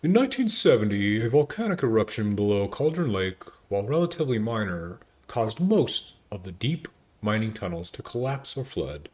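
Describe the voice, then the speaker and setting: A man voicing a solemn male narrator, reading in a slow, dramatic way. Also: on the low side, big pitch swings, a little mellow.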